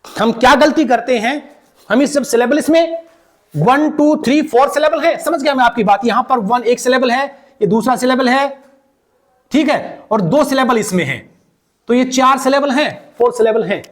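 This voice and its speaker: A man teaching English pronunciation, repeating each word slowly again and again as a drill and calling his viewers "beta" in a fatherly way. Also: very high voice. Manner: slow, repeats words many times for drill. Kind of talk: pronunciation lesson.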